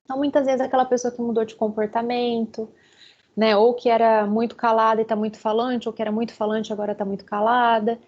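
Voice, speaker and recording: A woman psychologist speaks to a group of teachers in a relaxed, conversational lecture, slipping into little acted-out remarks as examples and checking in with her listeners as she goes. Her voice sits a little high. The recording sounds dull and lo-fi. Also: fast talker. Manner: chatty, keeps checking in with listeners and acts out quoted remarks. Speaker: psychologist giving a talk to teachers.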